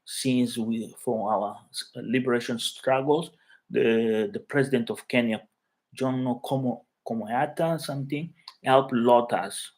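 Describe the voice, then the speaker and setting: This Mozambican man, a native Chuabo speaker, chats in halting English with viewers during a casual living-room live stream, reading out comments amid fillers and restarts. His voice has a medium pitch and a darkish tone.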